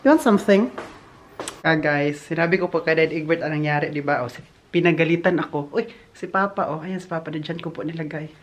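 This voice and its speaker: A woman's voice: sits low, fairly quick, a little hiss or hum. A woman from the Philippines chatting casually to her viewers in a home vlog, often laughing and dropping English words into her talk. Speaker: vlogger. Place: home in Germany, indoors and outdoors.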